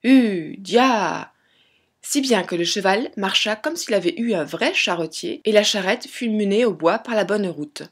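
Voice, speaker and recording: A woman reads a fairy tale aloud in a gentle, measured storybook style. Her voice sits at a medium pitch and has a soft, breathy grain. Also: expressive. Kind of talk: storybook reading.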